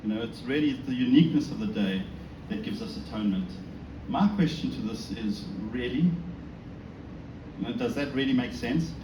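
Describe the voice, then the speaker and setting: In an echoey synagogue, picked up by a distant mic over background noise, a South African man speaks at normal speed in a mid-range voice. His religious talk to the audience is informal, conversational, and self-deprecating, full of rhetorical questions.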